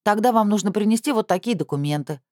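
A woman's voice: mid-range voice, lively intonation, fast talker, dark tone, dry recording, studio quality, voice pushed up, close to an everyday voice. A woman voicing a snappish young secretary. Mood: businesslike. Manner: irritated, curt. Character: harried young female admissions secretary, snappish.

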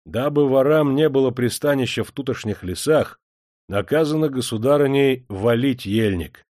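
A man voicing a grey-moustached old guard who answers gruffly. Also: medium pitch, moderate pace, darkish tone, dry recording, clean studio sound, pitched above the performer's own voice, close to an everyday voice. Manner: gruff, explanatory.

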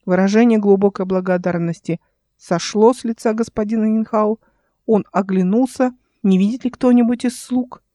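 A man reading a novel aloud as narrator, steady and expressive, close to the mic. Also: high voice, normal speed, no echo. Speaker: audiobook narrator. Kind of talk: scripted narration.

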